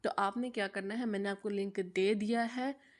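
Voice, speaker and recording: A woman's voice: medium pitch, steady tone, normal speed. A young woman giving a casual, chatty how-to talk about teaching online, with frequent fillers and repeated phrases.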